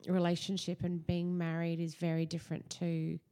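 A woman with a low, mellow voice hosts a relaxed family podcast. She chimes in with short reactions and leads into questions. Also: moderate pace. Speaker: podcast host. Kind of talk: casual interview chat.

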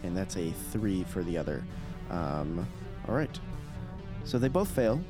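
A man with a fairly low voice works as game master for a tabletop role-playing game. He narrates slowly and deliberately, with clear music playing behind him. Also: big pitch swings.

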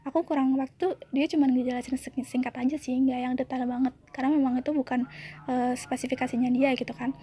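A woman's voice: high-pitched, little pitch movement, fast talker, mellow. A young woman in her twenties sharing a personal story in a casual, confiding way, full of fillers. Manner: chatty, confiding, many fillers.

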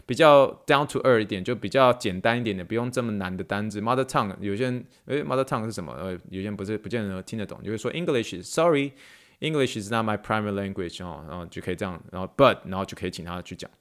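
Taiwanese mandarin guy talking quick on his podcast, chatty physio, repeats himself a lot, spells out english words. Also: lowish voice, a bit bright. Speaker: physical therapist and podcast host. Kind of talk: casual podcast teaching.

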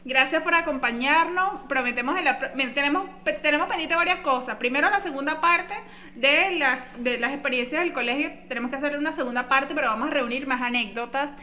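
Bright, high Venezuelan woman storytelling. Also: fairly quick, slight background noise. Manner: animated storyteller, slangy, calls people "mi amor". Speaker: podcast co-host. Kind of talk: casual podcast chat.

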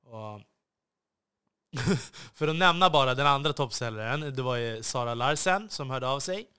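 A man's voice: medium pitch, lively intonation, pushed and bright, clear, resonant tone. A man hosting a solo podcast, talking with intensity that can come across as biting, full of hesitations and restarts. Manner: intense, earnest delivery that can sound biting. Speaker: podcast host.

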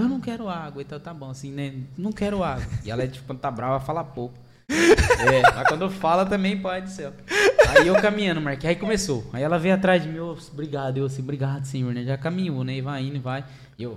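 A middle-aged man with a Brazilian accent, a podcast guest telling stories in an animated, chatty way full of fillers. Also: fairly high pitch, a little hiss or hum. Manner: animated, chatty, many fillers, laughs at own story. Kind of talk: casual storytelling chat.

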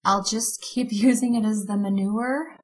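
A woman's voice: medium pitch, steady tone, unhurried, poor audio. A woman guest on a podcast interview, a coach who talks candidly and emotionally about faith and hardship. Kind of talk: conversational interview.

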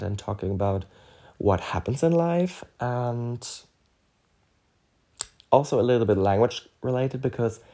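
A man with a German accent, a native German speaker, hosts a casual solo podcast in a medium-pitched, warm voice. He rambles, filling his talk with "so, yeah" and "like".

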